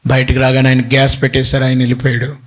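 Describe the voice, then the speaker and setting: A man, a bishop, preaching a sermon with dramatic storytelling and big swings in pitch and loudness. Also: completely flat delivery, very fast, a little hiss or hum.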